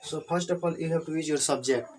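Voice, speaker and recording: Teaching an English grammar lesson at a whiteboard, a man from India whose first language is Hindi speaks with an Indian accent, going over points plainly and repeatedly. His voice runs high and quick with a darkish tone, and the poor audio carries a little hiss or hum.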